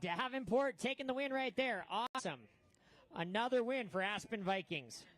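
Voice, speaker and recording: A man's voice: very high voice, animated, normal speed, a crowd in the background. A man calling a ski race live as a commentator, narrating the action as it unfolds. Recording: clear background noise, outdoor event ambience.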